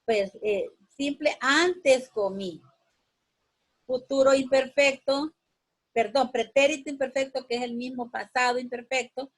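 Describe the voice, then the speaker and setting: On a rough recording, a woman with a high-pitched voice teaches a sixth-grade lesson at a measured pace. Patiently, she repeats every point and instructs the class.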